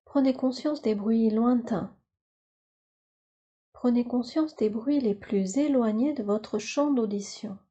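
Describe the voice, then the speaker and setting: Leading a guided yoga nidra session, this female teacher speaks in measured, calm and soothing instructions. Her pitch is fairly high and a bit rough, heard through a muffled recording.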